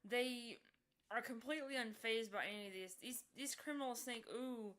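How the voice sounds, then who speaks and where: A woman's voice: fairly high pitch, normal speed, a bit bright. Chatty, amused woman streamer. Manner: chatty, amused, often laughing. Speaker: streamer reacting to a video. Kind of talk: casual live-stream commentary.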